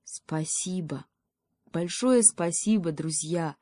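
A woman's voice: lowish voice, slow pace, mellow, dry recording. A woman voicing an earnest, loyal young male beaver who pleads with his friends. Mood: grateful.

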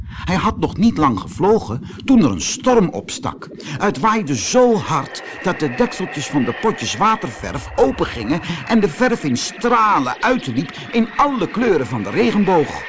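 A man from the Netherlands reading a children's fairy tale aloud as a storyteller, lively and expressive. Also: a little high, a little slow, background noise. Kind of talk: audiobook fairy tale narration.

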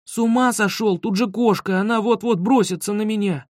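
A man voicing a frightened schoolboy in an audiobook, crying out in high, panicky pleas. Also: fairly even intonation, extremely slow, darkish tone, no echo, clean studio sound. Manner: high, panicky pleading cries. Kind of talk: audiobook reading.

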